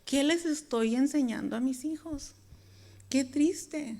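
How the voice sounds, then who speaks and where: A woman's voice: high voice, takes it slowly, dark tone. A woman preaching a sermon, talking to her congregation in an earnest, conversational way. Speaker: preacher and worship leader.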